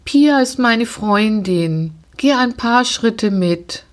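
An eager little girl who adores her pony, high and bright, as a woman puts her on. It is a storybook reading, her childlike voice lifted and lively. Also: slow.

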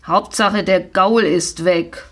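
A woman's voice: on the low side, fairly even intonation, slow, a bit bright, pitched below the performer's own voice, full character voice. A woman reading a storybook, voicing a harsh, curt middle-aged father who gives orders. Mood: stern, harsh.

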